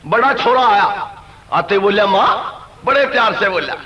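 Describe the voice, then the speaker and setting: A man telling rustic comic stories and voicing the characters in quick dialogue. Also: sits high, animated, sharp tone. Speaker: comedian telling jokes. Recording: echoey lo-fi cassette recording.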